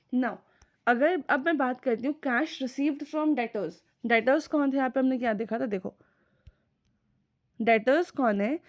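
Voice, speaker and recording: A woman teaching an online accounting class, her voice sitting a little on the high side. She walks through each point step by step and keeps checking with her students whether it is clear, slipping English terms into her explanations. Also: lo-fi sound. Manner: mixes English terms into Hindi speech. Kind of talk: recorded online lecture.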